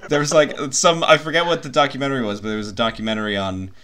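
An American man co-hosting a casual podcast chat, telling stories in a dry, deadpan way and acting out quotes. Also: medium pitch, slight background noise. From United States. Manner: dry, deadpan storytelling with acted-out quotes, occasional swearing.

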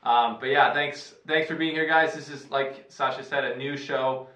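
A man from Canada, hosting a casual sports talk show in a relaxed, chatty way with fillers and restarts. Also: mid-range voice, normal speed. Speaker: host. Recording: roomy sound, distant from the mic.

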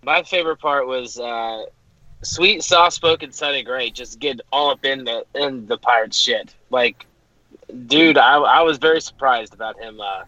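Bright-voiced man, animated and laughing. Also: mid-range voice, moderate pace, no room sound. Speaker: podcast co-host. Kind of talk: casual chat. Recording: slightly dull sound.

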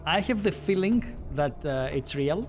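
A man's voice: fairly high pitch, expressive, moderate pace, faint music behind. A man on a board game podcast, reasoning hesitantly through a guess with many fillers. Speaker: podcast co-host. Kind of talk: casual chat.

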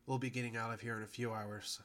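A man voicing a grateful, protective father figure who speaks gently and reassuringly. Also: mid-range voice, level tone, fast talker, natural voice. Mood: gentle.

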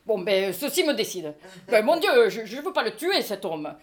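A woman's voice: medium pitch, very animated, moderate pace, lightly acted. A woman with a French accent reading the part of an indignant middle-aged husband, in a stage reading. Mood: flustered. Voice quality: pompous, mock-solemn.

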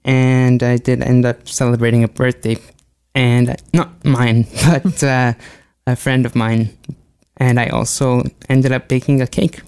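A man's voice: mid-range voice, flat delivery, unhurried, a little mellow, clean tone. A man chatting casually as producer and sidekick on a morning radio show, hesitating and repeating words. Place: radio studio.

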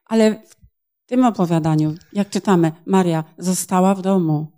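A woman's voice: fairly low pitch, normal speed, warm tone. A woman interpreting a sermon phrase by phrase, in a plain manner with small hesitations.

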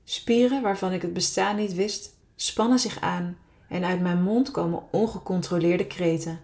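A woman reading her own erotic story aloud in the first person, in a slow, sultry, intimate way. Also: on the low side, a little mellow.

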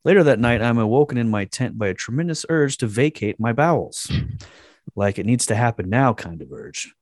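A man's voice: mid-range voice, lively intonation, brisk, darkish tone, no room sound, clean studio sound. A man co-hosting a casual chat, reading a post aloud with crude jokes and frequent laughs. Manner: crude joking, laughing often. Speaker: podcast co-host.

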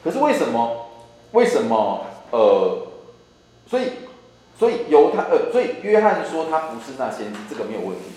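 A man's voice: on the high side, huge pitch swings, moderate pace, mellow. A man teaching a church Bible class, repeating and restarting phrases as he explains. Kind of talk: Bible study lecture. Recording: echoey room, faint hum.

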